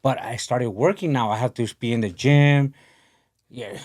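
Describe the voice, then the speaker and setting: Man from Honduras, 40s, podcast host, earnest and soft, middle pitch. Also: moderate pace. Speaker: podcast host, boxing coach. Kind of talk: casual interview talk. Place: podcast studio in a boxing gym. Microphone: desk podcast mic.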